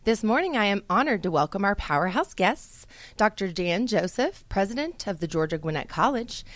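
A woman's voice: mid-range voice, big pitch swings, normal speed, no echo. A woman hosting a business radio interview show, reading sponsor copy and introducing guests in a polished manner.

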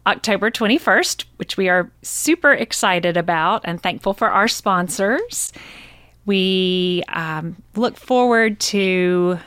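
A woman's voice: medium pitch, slow pace, a bit bright, clear, resonant tone, no room sound. A woman speaking as a radio interview guest, upbeat and enthusiastic, with a few fillers. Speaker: nature center president.

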